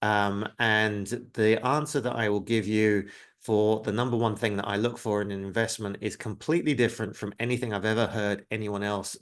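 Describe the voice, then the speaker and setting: A UK-raised man in his forties with a fairly low voice gives a live webinar presentation. He speaks conversationally, uses lots of filler words, and pokes fun at himself.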